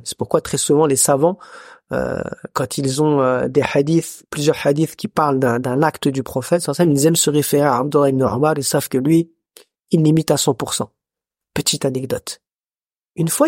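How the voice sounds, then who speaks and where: A man teaching a religious lecture, telling stories with animated, dramatic delivery. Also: husky, dry recording, studio quality. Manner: animated storytelling, dramatic pitch swings. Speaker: Islamic teacher.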